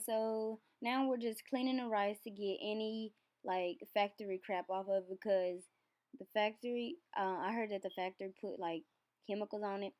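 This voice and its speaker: A woman's voice: mid-range voice, a little mellow, poor audio. A young woman hair vlogger giving a casual how-to walkthrough, rambling in a chatty, loose way. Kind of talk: casual how-to vlog narration.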